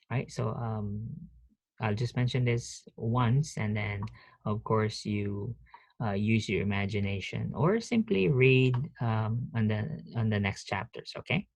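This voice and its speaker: A man giving an online nursing lecture through a headset mic on a video call, speaking haltingly with many fillers and restarts. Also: mid-range voice, creaky, a little mellow, no echo. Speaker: nursing professor. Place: office.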